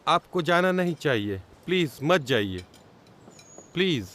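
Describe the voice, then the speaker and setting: A man's voice: on the high side, sing-song, a little slow, fairly bright tone, a little hiss or hum. An actor dubbing a formal male European banker who speaks in a polite but firm way. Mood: pleading. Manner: formal, pleading. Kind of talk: film dub.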